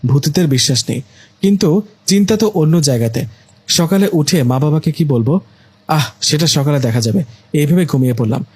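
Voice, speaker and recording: A man narrating a first-person story in a lively, exclamatory way. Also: on the high side, a little fast, husky.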